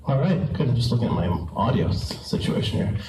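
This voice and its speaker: A man's voice: mid-range voice, very animated, a little fast. A man hosting an event in an informal, off-the-cuff style. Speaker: event host. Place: large open office event space, indoors. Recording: echoey room, distant mic, clicks, noise.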